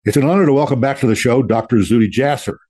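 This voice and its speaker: A man's voice: medium pitch, fast, mellow, slightly rough, no echo. A man hosting a veteran talk radio show, greeting listeners as troops and interviewing a guest in a folksy way.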